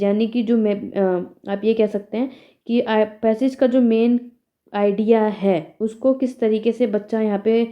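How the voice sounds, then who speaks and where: A young woman teacher giving an exam revision lecture. She explains points in Hindi, reads the English points slowly, and asks questions that she answers herself. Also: a little high, muffled recording.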